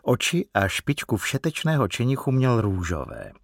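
A man narrating a storybook in an expressive, animated reading. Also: medium pitch, creaky, no room sound, clean studio sound.

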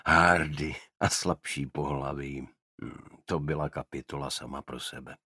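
A male audiobook narrator reads in a measured, even manner. His voice is deep and a little husky, recorded close with a dry studio sound. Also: no room sound. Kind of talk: scripted narration.

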